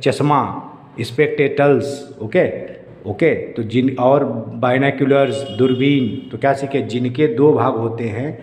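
A man's voice: mid-range voice, fairly even intonation, unhurried, darkish tone. Man, grammar teacher, patient lesson, says okay a lot, echoey hall, faint background hum. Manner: repeats "okay" often, drills examples. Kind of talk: explanatory lesson. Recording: echoey room with faint ambient noise.

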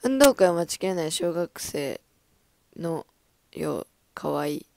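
A young woman in her twenties hosting a casual livestream, chatting with viewers, laughing often and breaking into loud excited bursts. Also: sits low, unhurried, vocal fry. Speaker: idol livestream host. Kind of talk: casual livestream chat reading comments.

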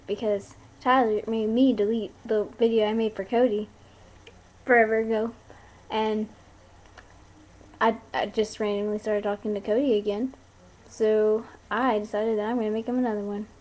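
In a small bedroom, a young woman video blogger chats into her webcam, rambling in a playful, informal way that's easily sidetracked. She speaks at a normal speed with flat delivery, medium pitch, and a slightly mellow tone, captured by a close webcam mic as noisy, cheap audio.

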